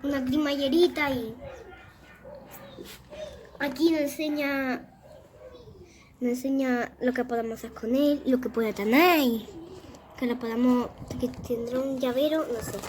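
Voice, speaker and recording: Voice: high voice, steady tone, measured pace, pauses often, background noise. A children's channel host chatting casually and thinking aloud while unboxing. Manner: exclaims and thinks aloud while handling items.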